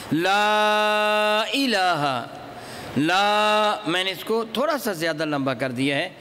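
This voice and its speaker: High, bright-voiced male Quran teacher. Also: big-room sound, a little hiss or hum. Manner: chants example verses slowly, quizzes the class. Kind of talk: classroom religious lesson on recitation.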